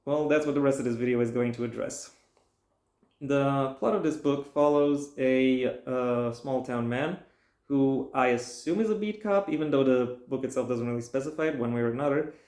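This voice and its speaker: Rambling, halting man in a roomy echo. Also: mid-range voice, a little mellow. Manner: rambling, halting, with frequent restarts; bursts into emphatic mock-stern ranting. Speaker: book reviewer. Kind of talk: casual spoken book review. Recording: echoey room.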